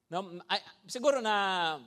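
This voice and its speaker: A high-pitched man delivering an animated sermon, switching between Tagalog and English. He keeps checking in with his listeners by asking "no?" and acts out his stories with loud sound effects. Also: takes it slowly. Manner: animated, often asks "no?" and "di ba?" of listeners. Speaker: preacher. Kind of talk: Taglish sermon.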